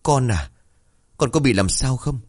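A man's voice: medium pitch, lively intonation, measured pace, voice pushed up. A man voicing an anxious, deferential middle-aged mother in a read-aloud story. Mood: worried. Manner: pleading, deferential.

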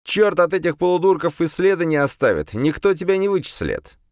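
Man putting on a flippant high-voiced demon lord. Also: sing-song, a little fast, no room sound, studio quality. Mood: mocking. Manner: flippant, needling. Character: mocking demon lord in narrator's head.

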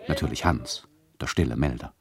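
With a rumbling low male voice at a moderate pace, an actor plays the mocking, bossy narrator of a satirical radio play. He addresses listeners with mock solemnity and condescension.

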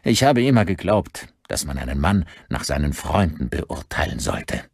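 A man voicing a cold, vengeful older man who speaks slowly and deliberately in an audiobook. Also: rumbling low, big pitch swings, gravelly, slight background noise, heavily acted. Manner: slow, deliberate, icy.

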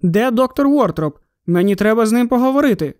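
A man's voice: extremely high pitch, fairly quick, no room sound, studio quality. A man reading the part of an agitated, exclaiming middle-aged town constable in an audiobook. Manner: excited and exclaiming.

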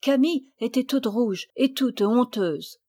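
A woman's voice: a little high, expressive, unhurried, dark tone. Woman reading a children's classic aloud. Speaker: audiobook narrator. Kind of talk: storybook reading.

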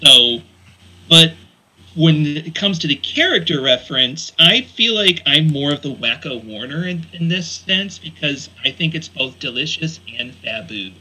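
Man, forties, podcast panelist, enthusiastic rambling, husky, bright. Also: on the high side, lively intonation, measured pace, low-quality recording. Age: 40s. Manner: rambling, enthusiastic, lots of fillers. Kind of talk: casual chat.

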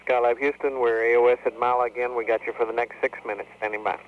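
A man speaks quickly in a level, flat delivery, trading crisp procedure calls over a two-way radio. His voice comes through a muffled, narrow link. Thick static hisses under every word. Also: medium pitch. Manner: brisk, businesslike, routine call-and-response. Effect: heard over a two-way radio link. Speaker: mission control capsule communicator. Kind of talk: clipped radio procedure talk.

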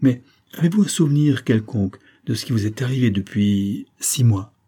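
A man reading the lines of a calm, matter-of-fact man facing something uncanny, in an audiobook. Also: medium pitch, normal speed, breathy edge.

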